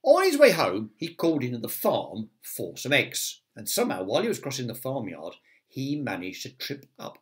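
A man's voice: medium pitch, wildly swooping pitch, moderate pace. A man who teaches primary school, reading a children's story aloud with chatty asides to the young listeners.

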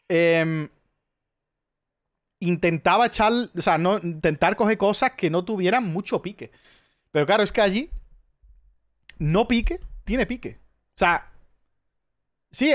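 A man's voice: sits high, lively intonation, unhurried, pauses often. Profane rambling Spanish man. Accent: Spanish from Spain. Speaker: streamer. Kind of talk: casual chat.

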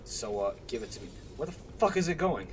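A man's voice: mid-range voice, very animated, a little fast, slight background noise. A young man hosting a horror game let's play, chatting casually, swearing and getting scared. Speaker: gaming channel host. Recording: game music playing under the voice.

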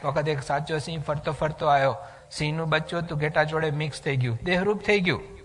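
A man delivers a devotional discourse in a lively, storytelling manner, with English phrases mixed in. His voice sits a little high and sounds bright and forceful. A long hall reverb trails behind every phrase. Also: fast talker, slight background noise. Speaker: religious speaker giving a discourse. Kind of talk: devotional sermon.

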